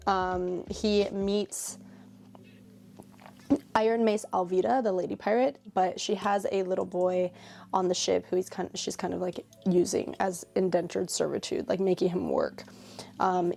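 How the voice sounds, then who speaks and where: Female vlogger, gravelly and warm, casual recap delivery. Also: medium pitch. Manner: chatty, fillers like "okay" and "like". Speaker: anime reviewer and vlogger.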